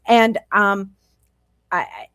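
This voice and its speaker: A woman's voice: mid-range voice, fairly even intonation, extremely slow, fairly bright tone, smooth, no room sound, studio quality. A woman speaking as a guest in a casual, conversational question and answer session.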